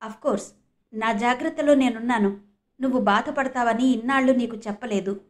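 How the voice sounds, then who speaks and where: A firm, principled young woman who speaks sharply and with conviction, read by a woman. Her voice sits fairly high in an audio storybook. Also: brisk, natural voice. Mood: earnest. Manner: sharp, scolding.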